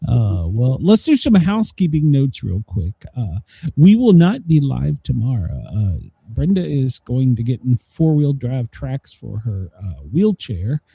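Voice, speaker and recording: Guy hosting a casual radio show, husky voice, pitch moves around a lot, trips on words, self-deprecating. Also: very animated, measured pace, mellow, dry recording. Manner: stumbles over words, self-deprecating, jokey. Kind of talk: casual live talk show chat.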